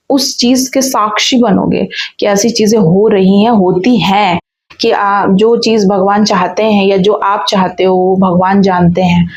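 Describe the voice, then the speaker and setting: A woman's voice: mid-range voice, a little mellow. A woman giving a tarot reading to her viewers, talking emphatically and repeating phrases as she goes. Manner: emphatic and repetitive, often restarting phrases. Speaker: tarot reader.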